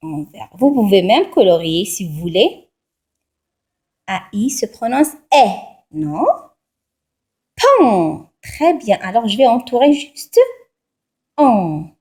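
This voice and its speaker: A young woman, teaching a slow primary-school lesson and spelling out syllables and letters one by one. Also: medium pitch, expressive, dark tone. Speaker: French teacher.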